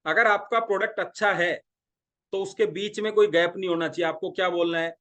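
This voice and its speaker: A man's voice: high-pitched, steady tone, brisk, pushed and bright. A middle-aged man from India giving a sales training talk, who acts out dialogues and keeps asking his listeners questions. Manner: talks through role-played dialogues, asking the audience questions. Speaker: direct selling trainer.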